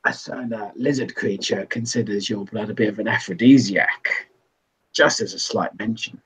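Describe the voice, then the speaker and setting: A man voicing a sly male information broker in a put-on, wavering Irish accent, speaking in hushed, conspiratorial tones. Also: on the low side, husky, pitched below the performer's own voice, exaggerated voice. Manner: hushed, conspiratorial, drawn-out delivery. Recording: dull lo-fi recording.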